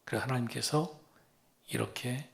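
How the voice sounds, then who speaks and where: A man preaching as a pastor, retelling a story with dramatic pauses and often dropping to a breathy whisper. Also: medium pitch. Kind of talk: sermon.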